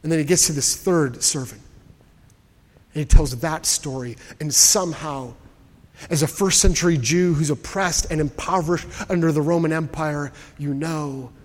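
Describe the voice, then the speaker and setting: A man preaching a sermon, telling a personal story in an animated way and often repeating words as he goes. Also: on the high side. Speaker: pastor. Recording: preached in a hall with long reverb.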